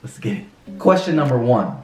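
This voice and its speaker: A man's voice: mid-range voice, sing-song, normal speed, crowd noise. A young man co-hosting a vlog, reading out questions and teasing with short reactions. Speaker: vlog co-host asking questions. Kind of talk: casual chat. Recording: roomy echo, mic at a distance, music behind.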